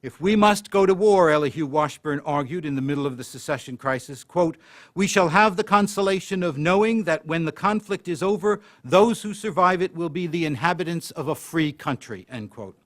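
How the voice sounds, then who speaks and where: A man with a slightly higher-than-usual voice reads a history lecture from a prepared text. He gives quoted passages extra weight and slows down on the key phrases. Now and then he trips over a word and starts it again. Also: a bit bright. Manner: occasional slips and restarts mid-sentence.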